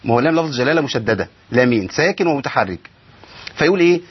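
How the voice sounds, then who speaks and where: Fast-talking husky Egyptian teacher. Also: male voice, medium pitch, animated, no room sound, highs cut off. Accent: Egyptian Arabic. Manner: explanatory, poses and answers his own questions. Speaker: Quran recitation teacher. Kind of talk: tajweed lesson.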